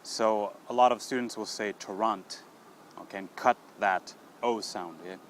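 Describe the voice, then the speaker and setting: A man's voice: fairly low pitch, moderate pace, slight background noise, poor audio. A man hosting an English-learning podcast, explaining patiently and checking in often with "okay?". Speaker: English teacher.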